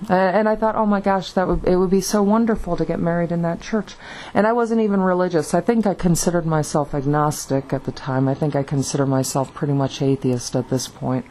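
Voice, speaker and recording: Woman with a low morning voice, rambling solo vlog, lots of uhs and restarts. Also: darkish tone, slight background noise, rough recording. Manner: halting, many fillers and restarts. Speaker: video blogger.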